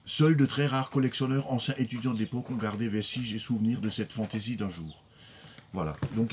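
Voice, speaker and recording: Chatty older man, lowish voice. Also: a little mellow, slight background noise. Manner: chatty, with frequent fillers and restarts. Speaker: secondhand collector vlogger. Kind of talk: casual chat. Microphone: phone.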